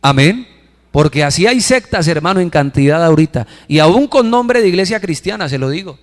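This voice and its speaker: Male pastor, sermon, higher-pitched voice, reverberant church hall. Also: expressive. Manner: preaching with rhetorical questions, slowing to stress scripture.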